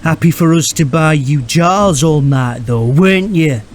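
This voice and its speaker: A woman doing a loud, taunting young lout. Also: low-pitched, a little slow, slight background noise, pitched below the performer's own voice. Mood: mocking. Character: cocky young man, small-time dealer, mocking bully.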